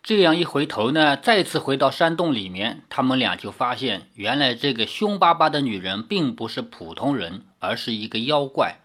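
A man reading a fantasy novel aloud as storyteller, in an expressive way. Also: medium pitch, moderate pace, hardly any pauses.

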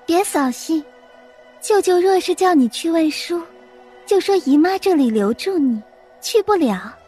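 A delicate but sharp-tongued teenage girl, put on by a man in a children's story reading. Her voice is pitched very high and thin, and her words come out teasing and mocking. Soft music plays faintly behind her. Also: lively intonation, unhurried.

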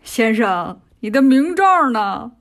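A woman's voice: fairly high pitch, sing-song, takes it slowly. Woman doing a dim pig-man monk. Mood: grumbling.

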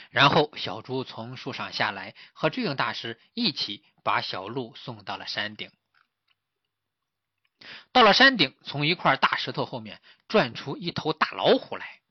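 A man narrating a children's adventure story, his pitch swinging widely as he acts out the action. The recording is dry and close, with a slightly dull, muffled tone. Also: breathy edge, no room sound. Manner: lively, animated storytelling.

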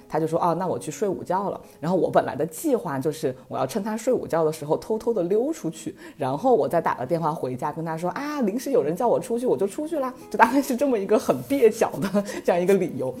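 A woman in her thirties chatting casually on a podcast, telling a story in a lively way and laughing often. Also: sits low. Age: 30s. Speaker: podcast guest.

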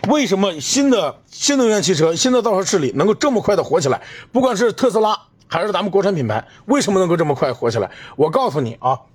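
A man's voice: high-pitched, big pitch swings, fast talker, few pauses, husky. Indignant man ranting on his podcast. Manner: indignant, emphatic, addresses listener with rhetorical questions. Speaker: podcast host. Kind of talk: solo commentary rant.

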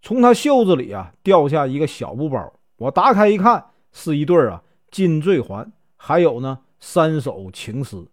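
A man's voice: fairly high pitch, dry recording, studio quality. A male storyteller voicing an anxious young scholar who pleads his case before a judge. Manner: pleading, defensive.

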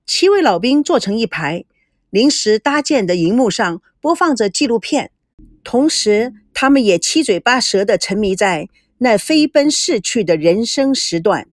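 A woman's voice: fairly high pitch, big pitch swings, normal speed, dry recording, studio quality. A woman narrating a scripted story with dramatic, emotive delivery.

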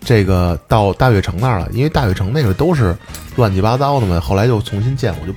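A man with a Beijing accent in casual chat, telling stories in a colloquial, animated way. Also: lowish voice, fast, soft background music. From Beijing, China. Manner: colloquial, animated agreeing and re-enacting. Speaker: podcast panelist.

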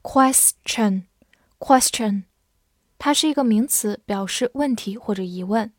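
A woman teaching English vocabulary in a clear, patient way, spelling words out letter by letter and reading example sentences slowly. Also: medium pitch, a little mellow, dry recording, studio quality.

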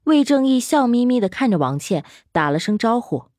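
Expressive female audiobook narrator. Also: on the high side, normal speed, no room sound, clean studio sound. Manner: expressive, storytelling. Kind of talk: scripted novel narration.

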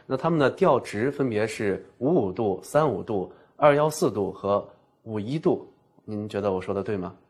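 A man's voice: on the low side, expressive, darkish tone, breathy edge. Man asking questions in a lesson. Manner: measured, asks questions and summarizes. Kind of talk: scripted teaching dialogue.

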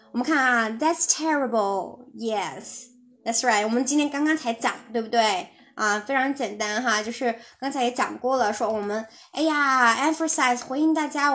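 This woman's voice sits on the high side and sounds a bit bright. She teaches English on a live stream, staying chatty and encouraging while she responds to viewers' messages and laughs as she reads their chat replies aloud.

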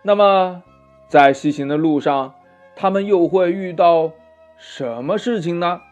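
A man tells a classic tale to children in a lively, sing-song voice, drawing out his little particles. His voice sits a bit high, and faint music plays under it. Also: unhurried. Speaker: storyteller. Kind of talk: children's story narration.

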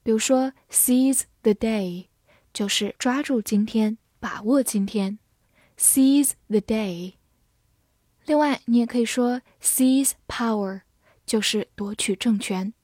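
A Mandarin-speaking woman gives a scripted English vocabulary lesson at an unhurried, deliberate pace. She spells out each word letter by letter and carefully reads example sentences in a fairly high voice. The sound is dry, with no room echo. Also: darkish tone. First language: Mandarin Chinese.

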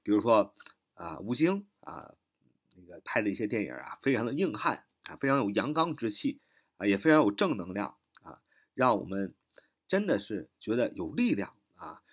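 A man teaches English words, spelling them out letter by letter and leaning on drawn-out filler particles. His voice is a little husky, and his pitch moves about a lot as he explains. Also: very animated. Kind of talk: spoken vocabulary lesson.

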